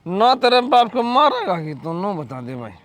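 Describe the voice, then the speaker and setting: Man acting a town drunk, cheeky Haryanvi father, high-pitched, rambling, argumentative, comedy drama. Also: sing-song, moderate pace, a bit bright, no room sound.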